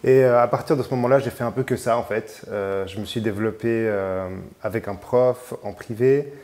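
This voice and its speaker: A man's voice: fairly low pitch, normal speed, darkish tone. A man in his thirties, a musician guest in a casual radio interview, who talks with many fillers and restarts.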